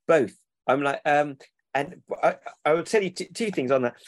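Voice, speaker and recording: A man's voice: on the high side, moderate pace, no room sound. A man, a children's book publisher who rambles and corrects himself in a casual interview over a remote call.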